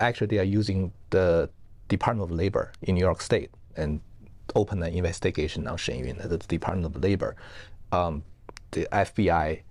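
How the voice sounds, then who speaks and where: Male professor, low voice, dry close sound, earnest and halting as an interview guest. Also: a little mellow, dry recording. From northeast China. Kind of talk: explanatory interview answers.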